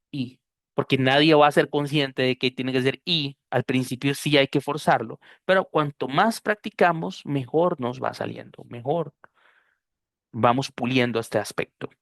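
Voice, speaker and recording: A man with a Costa Rican Spanish accent teaches pronunciation in an online class, explaining patiently and drilling sounds aloud. His voice is medium-pitched, and the recording is dry and studio quality.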